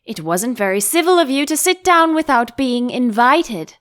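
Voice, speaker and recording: A woman's voice: sits high, lively intonation, moderate pace, a bit bright. A woman voicing a contrary, pedantic hare in a storybook, with a needling manner. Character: rude, contrary male storybook hare at tea party.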